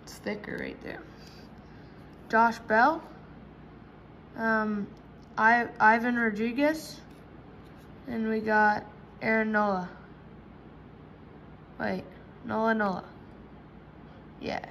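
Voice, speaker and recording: A woman chatting casually while opening trading card packs, breaking into high excited shrieks at big pulls. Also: slow pace, long pauses, slight background noise, low-quality recording. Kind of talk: casual pack-opening commentary. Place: indoors at a table. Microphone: camera over hands, speaker off screen.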